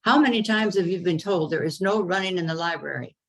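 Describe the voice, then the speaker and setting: A woman's voice: lowish voice, fast talker. A woman voicing a strict female librarian, pictured as a dragon, who scolds sternly. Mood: scolding.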